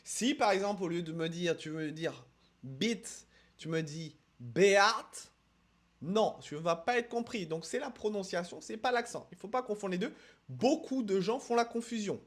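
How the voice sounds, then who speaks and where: A man from France teaching English in a casual video lesson, emphatic, repeating words for stress and talking straight to the viewer. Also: high-pitched. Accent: French accent when speaking English. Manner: addresses viewer directly with quick asides.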